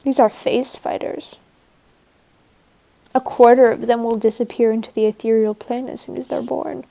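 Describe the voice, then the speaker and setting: A woman narrating as game master of a tabletop game over a video call, calm and matter-of-fact. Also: on the high side, normal speed, creaky, low-quality recording.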